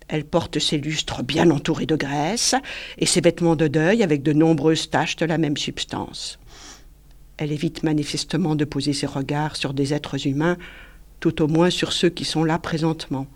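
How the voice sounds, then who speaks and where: A woman reading a literary excerpt aloud in a measured, expressive way. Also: low voice. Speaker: reader.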